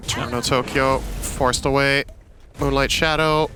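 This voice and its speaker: A male esports caster with a bright, forceful voice, breaking down plays in a dry, matter-of-fact way. Faint music runs underneath. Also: mid-range voice, steady tone, unhurried. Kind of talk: live esports commentary.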